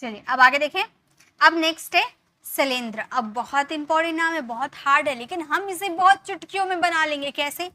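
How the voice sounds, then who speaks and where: Woman teacher, high voice, bright tone, patient, repeats and checks understanding. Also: fairly quick. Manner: patient, repeats points with frequent check-ins. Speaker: English teacher. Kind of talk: explanatory online lesson.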